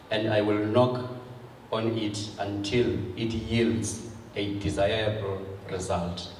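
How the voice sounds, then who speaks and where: South African man orating in an echoing hall. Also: on the low side. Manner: measured oratory in short phrases. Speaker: government official giving a speech. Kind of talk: formal prepared political speech. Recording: echoey hall, distant microphone, faint noise.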